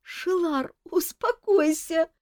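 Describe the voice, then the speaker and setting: Sympathetic young wizard, woman reading, high and soft-spoken, dry close recording. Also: slow, no room sound. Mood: soothing. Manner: soothing, sympathetic. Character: gentle young male wizard friend.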